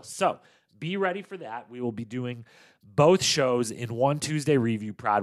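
A man with a nasal, congested voice hosts a casual podcast, chatty and playful. His pitch sits in an ordinary middle range, and the sound is close and dry, with no room echo. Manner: chatty, self-promoting, playful asides. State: stuffy nose from a cold. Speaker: podcast host. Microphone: studio microphone.

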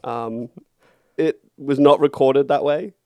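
A man's voice: mid-range voice, takes it slowly, mellow, dry recording. An Australian man co-hosting a podcast in casual chat, with blokey, sweary Aussie banter. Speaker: podcast co-host.

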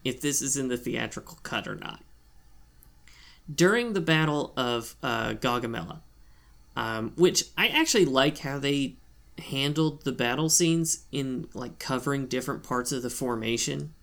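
A talkative man co-hosting a podcast, rambling easily through his points with plenty of ums and side remarks. His voice sits at an ordinary middle pitch. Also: expressive, moderate pace, gravelly, a bit bright. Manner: chatty, lots of fillers and asides. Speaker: podcast co-host. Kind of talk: casual chat.

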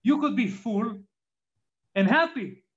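This man from Israel has a very high-pitched, sing-song voice that's a bit bright, and he talks slowly. With his Israeli accent, he reflects casually and backs up his ideas with examples, heard through muffled, lo-fi sound.

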